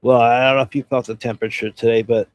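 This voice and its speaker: A man's voice: mid-range voice, flat delivery, quick pace, muffled recording. A man from Pennsylvania, a DJ hosting a casual livestream chat about gear, rambling and repeating words, stuffy from a head cold. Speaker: DJ and channel host; talking gear with viewers.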